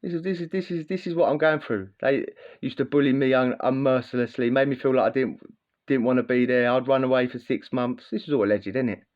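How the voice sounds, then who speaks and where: A man's voice: mid-range voice, fairly even intonation, a little fast. A man telling a casual story in a slangy, rambling way, often repeating himself. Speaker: vlogger. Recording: slightly dull lo-fi audio.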